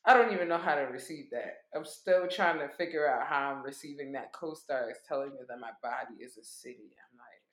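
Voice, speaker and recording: A woman's voice: extremely low pitch, fairly quick, few pauses. A woman guest on a podcast, telling stories in casual chat and acting out her own reactions with plenty of swearing. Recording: roomy echo.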